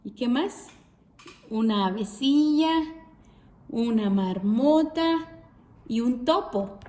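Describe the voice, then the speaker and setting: A woman teacher reads a picture book aloud to children with an animated storytelling manner. Her voice is high and she takes her time, stopping to ask the children questions. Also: slow pace.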